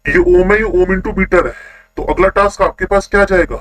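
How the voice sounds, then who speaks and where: Guy teaching chem online, fairly high voice, keeps asking the class quick questions. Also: fairly bright tone, poor audio. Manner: quizzing students with quick questions. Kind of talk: online chemistry lesson.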